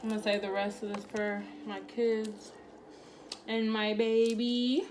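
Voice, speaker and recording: A woman's voice: mid-range voice, level tone, measured pace, noisy background. A woman chatting casually for a mukbang, chewing as she talks and humming over her food. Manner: chewing while talking, with savoring hums. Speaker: mukbang host. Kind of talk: casual mukbang chat while eating.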